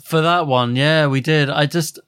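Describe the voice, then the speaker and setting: A man's voice: a little high, fairly even intonation, measured pace, fairly bright tone, clean tone, no room sound, studio quality. A man hosting a podcast, chatting in an easygoing, reassuring way with a guest. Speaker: podcast host. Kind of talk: casual podcast chat.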